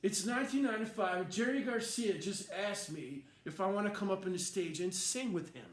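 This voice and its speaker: A man rambling in a profane, animated monologue, swinging from mumbling to shouting. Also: high-pitched, moderate pace. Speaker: vlogger. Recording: roomy echo with faint noise.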